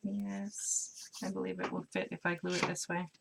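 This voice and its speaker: A woman's voice: fairly low pitch, level tone, moderate pace, gravelly, background noise. A woman teaching a live craft class, chatting casually and mumbling to herself as she works. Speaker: craft instructor.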